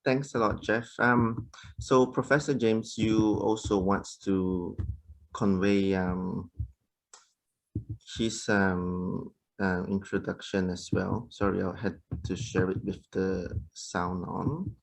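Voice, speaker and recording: A man's voice: deep voice, little pitch movement, slow pace, creaky, rough recording. A man moderating an online webinar, hesitant and apologetic, with many ums.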